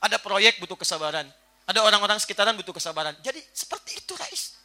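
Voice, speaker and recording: Man, preacher, religious lecture, high voice, lively swooping pitch, very bright sharp tone, playful. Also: fast, a little hiss or hum. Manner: animated, playful, acts out little household scenes. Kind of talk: religious lecture to a live audience.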